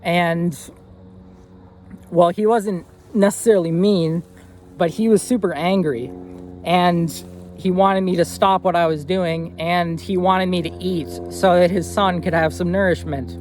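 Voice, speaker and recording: A young man in his twenties tells a personal story straight to the camera. His voice sits a little high for a man. He talks earnestly and rambles, with many fillers and restarts. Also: steady tone, measured pace, a little mellow, slight background noise. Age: 20s. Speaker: vlogger.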